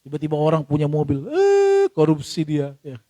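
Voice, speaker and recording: A male pastor with an Indonesian accent preaching a sermon in church, swinging between loud and soft and acting out quoted voices. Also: high-pitched, animated, a little fast, no room sound.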